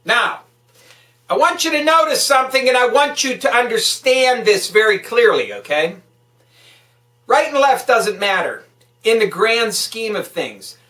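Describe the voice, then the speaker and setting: This man hosts his own online show, ranting about politics and making announcements in a forceful, swearing style. His voice is high-pitched, pushed and bright. He sits far from the mic in an echoey room.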